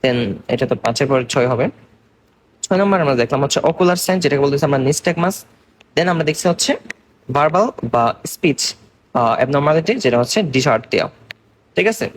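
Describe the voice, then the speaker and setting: A young man from Bangladesh teaches an exam-focused medical lesson. His voice sits a little high and has a husky edge. He explains step by step and keeps checking that his students are following. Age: young adult. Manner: explains slowly in mixed Bengali and English terms, checking understanding. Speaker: medical lecturer.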